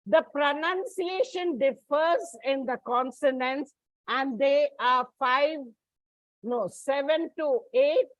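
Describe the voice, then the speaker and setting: A woman teaching pronunciation, slowly spelling out and repeating each sound for her students. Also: sits high, no room sound, low-quality recording. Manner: slow, deliberate, repeats sounds for learners. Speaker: English teacher. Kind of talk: classroom lecture on phonetics.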